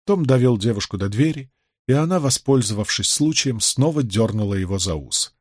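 Husky male audiobook narrator. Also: on the low side, expressive, normal speed, dry recording, clean studio sound. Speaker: audiobook reader.

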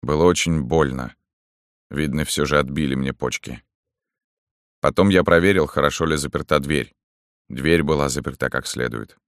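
A man narrating a first-person novel in a steady, even reading. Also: rumbling low, moderate pace, pauses often, no echo, studio quality. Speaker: audiobook narrator.

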